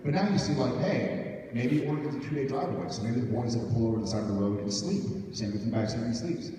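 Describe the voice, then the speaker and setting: A man's voice: mid-range voice, animated, fast. A man chatting on a fan convention panel, playful and rambling as he explains things. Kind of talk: casual joking panel talk. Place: large convention hall. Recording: echoey hall from far off, very noisy.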